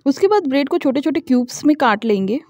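High-voiced woman guiding a home recipe. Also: fast talker, dry recording, clean studio sound. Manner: calm, instructional, explains each step. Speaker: cooking channel host. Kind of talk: step-by-step cooking voice-over. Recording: dull lo-fi voice-over.

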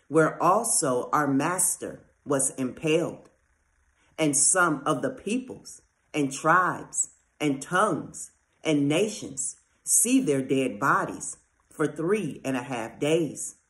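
A scripture reader in a measured, solemn style. The delivery is very slow and deliberate, with each phrase set apart. The pitch sits in an ordinary middle range. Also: a bit bright.

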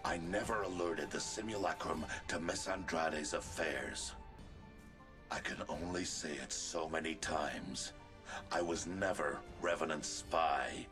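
A man playing a grave, stern doctor in a video game, speaking in a heavy voice with formal, ominous delivery. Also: a little slow. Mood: defensive, brooding. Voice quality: very deep, heavy. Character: stern, grave male scientist doctor, defensive and brooding. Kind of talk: video game character acting. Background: music.

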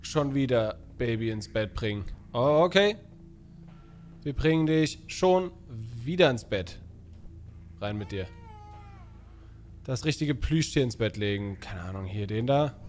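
Excitable man doing game commentary. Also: mid-range voice, unhurried, pauses often, soft background music. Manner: excitable, talks to the game baby in slangy banter. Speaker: gaming YouTuber. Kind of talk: casual let's-play commentary.

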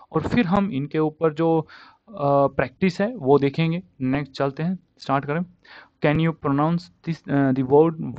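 A man with a slightly high voice teaches vocabulary in a relaxed, chatty way, saying each word again and again so the listener picks up how it sounds. He switches freely between Hindi and English. The recording is dry and dull, with a lo-fi edge. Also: no room sound. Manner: repeats words over and over, drilling pronunciation. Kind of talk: casual spoken lesson on word pronunciation.

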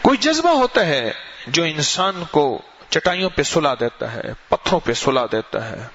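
A man delivering a sermon as a preacher, telling stories with sweeping rises and falls in his voice. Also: breathy edge. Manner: storytelling with lively swings in pitch. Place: mosque gathering. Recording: dull lo-fi recording with faint noise.

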